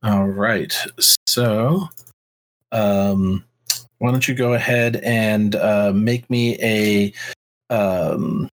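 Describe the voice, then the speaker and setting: A man acting as game master in a tabletop role-playing session, talking in a relaxed way with many fillers. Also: on the low side, extremely slow.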